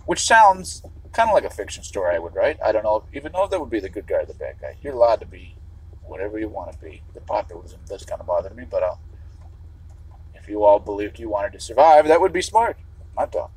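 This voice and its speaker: A man's voice: fairly low pitch, very animated, quick pace, a little mellow, breathy edge, low-quality recording. A man from the Chicago area, talking in a rambling livestream monologue while driving. He swears freely and keeps restarting sentences. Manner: meandering, restarts, swears often.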